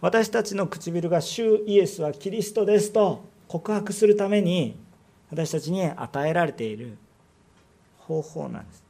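A man preaching a sermon as pastor, his voice sitting a little high for a man. He presses his points with rhetorical questions and pushes his emphasis upward when a line matters. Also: a little slow, vocal fry, warm tone.

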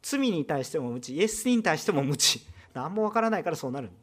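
A man's voice: on the high side, very animated, fast. A man pastor with a Kansai Japanese accent, giving a sermon in a conversational style with asides and rhetorical questions. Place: church.

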